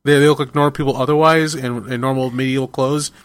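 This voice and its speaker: A man in his forties hosting a podcast, telling stories in a rambling, animated way with many restarts. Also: mid-range voice, quick pace, dry recording. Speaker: podcast host. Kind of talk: casual chat.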